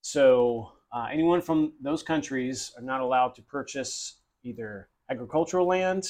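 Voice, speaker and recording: A man's voice: mid-range voice, a little slow, darkish tone. A man hosting a podcast, explaining steadily in casual chat with the odd filler. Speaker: podcast host.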